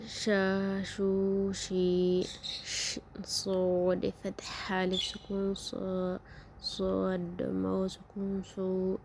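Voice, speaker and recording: Woman, alphabet teacher; slow, flat, even delivery over faint hiss. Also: lowish voice. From Oromia, Ethiopia. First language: Afaan Oromo. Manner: slow, drawn-out letter sounds, repetitive drilling. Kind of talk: slow syllable-drill lesson.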